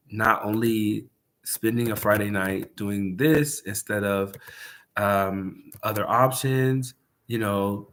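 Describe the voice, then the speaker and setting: A man's voice: fairly low pitch, a bit bright, slight background noise. A man hosting his podcast, chatting casually on a livestream with a stuffed-up nose, rambling loosely and dropping swear words and slang. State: congested nose. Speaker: podcast host.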